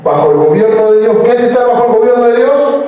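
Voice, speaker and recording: A man's voice: extremely high pitch, animated, fast, mellow, recorded from a distance, soft background music. A man preaching a sermon as pastor, asking the congregation questions, repeating phrases for emphasis and prompting them to say lines back. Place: church hall. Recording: roomy church sound, voice heard from off the mic.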